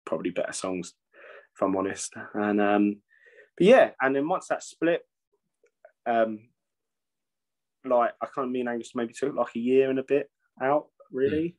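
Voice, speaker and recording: A man speaks at normal speed with long pauses, his medium-pitched voice darkish in tone, and the recording is rough. He sings and plays bass in a metal band and, as a guest on a webcam video call from his shelved home room, rambles casually with frequent swearing and restarts.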